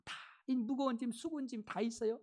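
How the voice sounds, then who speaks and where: Pastor delivering a church sermon; emphatic, repeats key phrases, swings loud to soft. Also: medium pitch, fairly even intonation, a little fast.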